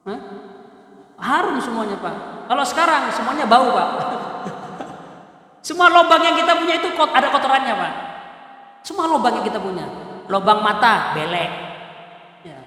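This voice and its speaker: High-voiced man preaching in an echoey hall. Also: animated, bright, forceful tone. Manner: jokes with the congregation, chants Arabic verses slowly. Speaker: Quran teacher. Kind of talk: joking sermon to a mosque congregation. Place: mosque hall. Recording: echoey hall, mic far off.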